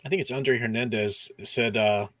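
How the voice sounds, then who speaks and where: A livestream host with a medium-pitched, steady, fairly bright voice talks at normal speed with no echo. He chats casually about books and reads viewer comments aloud, adding the rambling asides of an enthusiastic fan.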